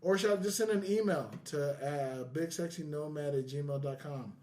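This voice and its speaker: A middle-aged man with a fairly high, darkish voice hosts a podcast at normal speed, talking casually in person with co-hosts indoors. He jokes around and interrupts himself along the way.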